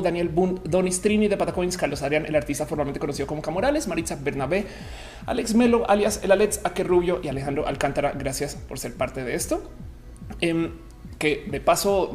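A woman hosting a casual livestream in a rambling, playful way, her diction slowed as she recovers from having her wisdom teeth out. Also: low voice, darkish tone. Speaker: livestream show host. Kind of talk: casual livestream chat to viewers.

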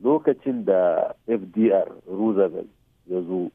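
Man, Hausa accent, low-pitched, expert radio guest, explanatory, English technical terms mixed in, narrow muffled sound. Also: a little slow, dry recording. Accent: Hausa, Nigerian. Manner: checks listener follows with short tag questions.

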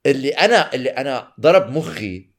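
A man's voice: mid-range voice, lively intonation, a little fast. A man with a Levantine Arabic accent chatting casually as a podcast co-host, switching between Arabic and English mid-sentence.

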